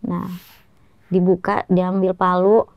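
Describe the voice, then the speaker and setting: A woman's voice: on the low side, flat delivery, slow pace, clean tone, no room sound, dull audio. A woman telling her story in an interview, speaking in short clipped phrases and often quoting what others said. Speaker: guest, mother of the victim. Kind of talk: emotional recounting in an interview.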